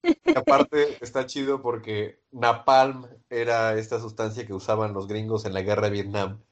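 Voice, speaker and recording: A man chiming in during a casual chat with relaxed asides. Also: lowish voice, moderate pace.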